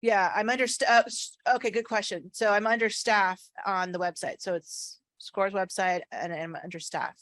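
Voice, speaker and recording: Speaking to a meeting on behalf of her association's government affairs team, a woman makes an earnest, persuasive case with emphasis, returning to key phrases again and again. A retainer slightly slurs her words. Her mid-range, fairly bright voice holds a steady tone at normal speed, and there's no echo.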